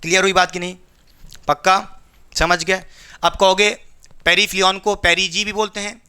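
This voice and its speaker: A man's voice: high-pitched, flat delivery, moderate pace, bright, forceful tone, clean tone. A male physics teacher giving a classroom lecture, asking his students questions and answering them himself in a playful call-and-response way.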